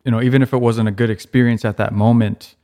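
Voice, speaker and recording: A man co-hosting a casual music podcast, talking in a reflective, measured way. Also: medium pitch, level tone, mellow. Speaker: podcast co-host. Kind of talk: casual chat about music.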